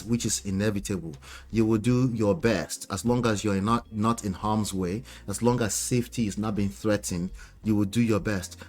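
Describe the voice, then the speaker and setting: A man hosting a live stream, reacting to clips with rhetorical questions and frequent laughter. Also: fairly low pitch. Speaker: host.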